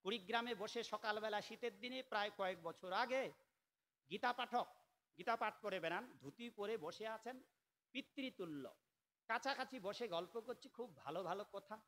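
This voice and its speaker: A man preaching a sermon in a scolding, argumentative way, dropping to soft asides and then bursting out loudly. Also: sits high, moderate pace, big-room sound, a little hiss or hum. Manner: scolding, argumentative, switching between soft asides and sudden loud outbursts.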